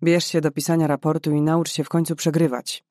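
A man's voice: a little high, level tone, fairly quick, a little mellow, no room sound, studio quality, lightly acted. A man voicing a cold, sarcastic old male head doctor in an audiobook, with a cutting manner. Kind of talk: audiobook character voice.

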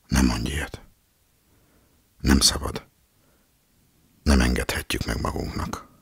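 A man reading a wary, quiet young woman. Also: a bass voice, fairly even intonation, gravelly, slightly rough, no room sound, studio quality, heavily acted.

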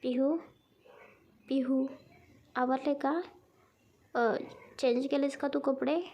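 A woman voicing a patient, caring young man who coaxes and gently scolds. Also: high-pitched, level tone, slow, lo-fi sound. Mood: coaxing.

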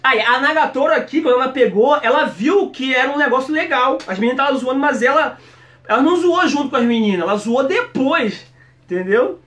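Excitable high-voiced Brazilian guy. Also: a little fast. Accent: Brazilian Portuguese. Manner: excitable, laughs often, slangy. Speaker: anime reaction YouTuber. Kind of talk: casual reaction commentary.

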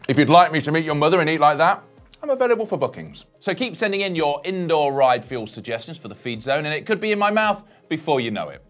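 A man's voice: on the high side, very animated, fast, fairly bright tone, soft background music. A man hosting a cycling show's food-review segment, cheeky and mock-dramatic in how he talks. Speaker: show host.

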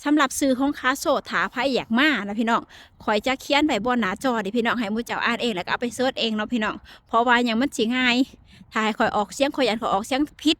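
Woman, Isan Lao accent, slightly high voice, casual travel vlog, outdoors, phone recording. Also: rapid-fire, fairly bright tone. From Laos or northeast Thailand. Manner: chatty, addresses viewers as brothers and sisters. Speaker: travel vlogger. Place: outdoors on a castle wall in the rain.

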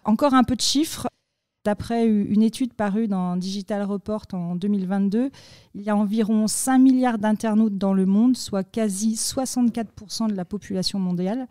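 A woman explaining content marketing on a podcast in a measured way, with many fillers. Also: mid-range voice, warm tone, no echo, clean studio sound.

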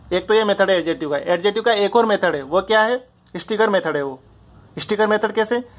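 High-voiced man teaching grammar patiently. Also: fairly bright tone. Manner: explains patiently, repeating drills and checking understanding. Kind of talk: Hindi grammar lesson at a board.

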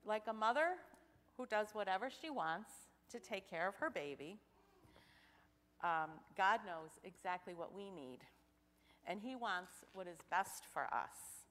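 Lively woman with a children's sermon. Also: mid-range voice, measured pace. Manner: animated, questioning children playfully. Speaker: children's message leader. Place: church sanctuary. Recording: church hall reverb.

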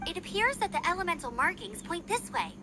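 A woman's voice: extremely high pitch, very animated, brisk, background noise. A woman voicing a perky, earnest young female scout in an anime-style video game dub. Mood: determined.

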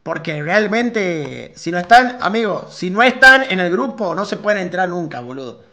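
A man's voice: sits high, big pitch swings, moderate pace, bright, forceful tone. A young man with an Argentine accent streaming live, chatting with his viewers and reading their messages aloud in a slangy, chummy way. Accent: Argentine Spanish. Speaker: slots streamer. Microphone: new microphone.

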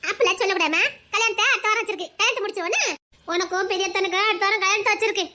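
A woman acting out family members in a home-made drama, with lively teasing banter. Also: extremely high pitch, racing. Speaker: voice actor playing family members.

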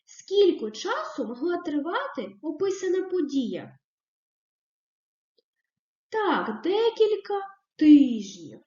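A woman teacher giving a recorded reading lesson to young children, asking questions and praising the answers in a slow, sing-song way. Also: extremely high pitch, warm tone, echoey room, dull audio. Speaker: primary school teacher.

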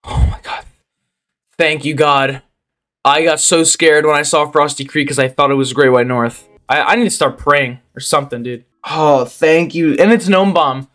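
A young man giving gameplay commentary as a channel host, ranting in exasperation and bursting into loud disbelief. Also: a little high, moderate pace, faint music behind.

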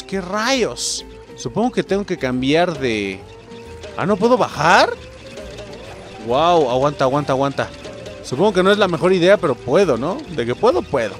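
A Mexican man doing let's play commentary, excitable, swearing and shouting at the game. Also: medium pitch. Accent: Mexican Spanish. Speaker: gamer host.

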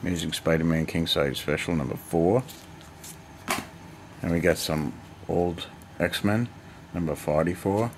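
Low-voiced older man rambling through his hoard. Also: measured pace, long pauses. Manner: rambling, chatty, listing items one by one. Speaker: collector showing his hoard. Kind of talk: casual unboxing vlog. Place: cluttered basement storage room. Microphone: handheld camera mic. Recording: noisy home camera audio.

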